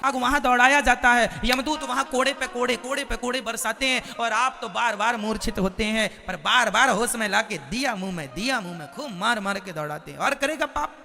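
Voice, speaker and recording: Male preacher for a devotional sermon: high, sharp and bright, dramatic storytelling, reverberant hall with soft music. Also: gravelly. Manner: dramatic storytelling, exhorting the crowd.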